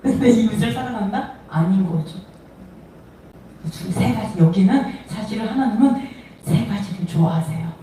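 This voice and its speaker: A woman's voice: mid-range voice, normal speed, mellow. A woman preaching a sermon, talking animatedly with laughs and acting out quoted dialogue. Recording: echoey room, voice from a distance, faint noise.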